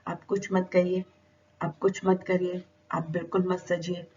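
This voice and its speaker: A woman's voice: fairly low pitch, level tone, measured pace, dark tone. A woman teacher explains her subject, often posing a question and answering it herself. Her voice sounds a little distant from the mic on a dull recording with a faint hiss behind it. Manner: asks rhetorical questions and answers them herself. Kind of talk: explanatory lecture.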